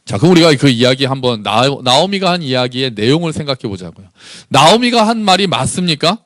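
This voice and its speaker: A man's voice: mid-range voice, brisk, dry recording, clean studio sound. A male pastor preaching a Sunday sermon in church, asking the congregation questions and voicing anguished prayers. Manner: animated, acts out anguished prayers with rising voice.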